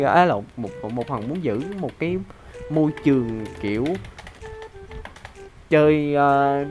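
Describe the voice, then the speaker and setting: A man streaming a role-play game, rambling and swearing, sometimes breaking into loud mocking taunts. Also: a little high. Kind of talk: casual chat while playing a role-play game.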